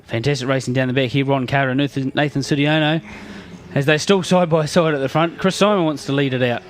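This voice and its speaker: A man's voice: mid-range voice, steady tone, fast. A man giving conversational motorsport analysis as co-commentator, hesitantly rephrasing as he goes.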